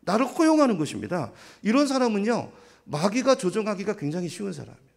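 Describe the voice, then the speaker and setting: Male pastor, middle-aged, animated sermon delivery with rhetorical questions and a high, bouncing voice. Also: fast, gravelly. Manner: acts out quoted voices of others.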